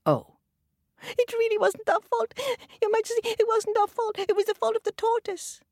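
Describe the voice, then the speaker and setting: A woman storyteller voicing frightened little frogs who stammer and plead in high voices. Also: fairly even intonation, normal speed, a little mellow, no echo, studio quality. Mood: nervous.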